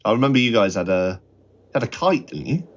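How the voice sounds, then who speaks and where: A middle-aged man with a mid-range, sing-song voice reminisces at a brisk clip, casual and chatty, repeating phrases for emphasis. He's an interviewee sharing memories, and the recording sounds dull and slightly lo-fi.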